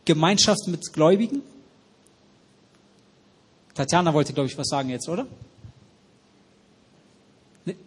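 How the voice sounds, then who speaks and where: A man with a somewhat high, husky voice preaching to a congregation. He asks questions, waits, and repeats their answers before going on with his sermon. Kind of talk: interactive sermon. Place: church hall with noisy ventilation.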